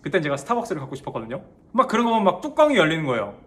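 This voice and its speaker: A man telling a personal story in a casual monologue, animated and emphatic, switching between polite and blunt speech. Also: a little high, very fast. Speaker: speaker sharing a personal story.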